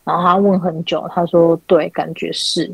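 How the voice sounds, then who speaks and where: Woman, online chat host, lively storytelling, husky voice, dry sound. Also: lowish voice, normal speed, no room sound, rough recording. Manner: animated retelling, acting out quoted dialogue. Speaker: podcast host and spiritual counselor. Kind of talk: casual chat, telling client stories. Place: online chat room call.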